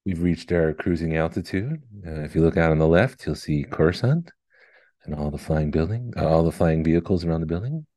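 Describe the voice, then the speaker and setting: A man playing a joking airline pilot, giving calm mock cockpit announcements on a podcast. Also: extremely low pitch, brisk, dry recording. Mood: calm, announcing. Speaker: podcast co-host. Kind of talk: casual podcast chat.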